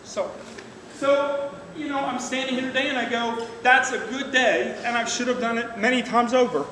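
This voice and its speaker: A middle-aged man gives an informal father of the bride speech, plain-spoken, salty and emotional, with halting delivery. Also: extremely high pitch, bright, forceful tone. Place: large reverberant reception room indoors. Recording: echoey hall, distant mic, noisy room.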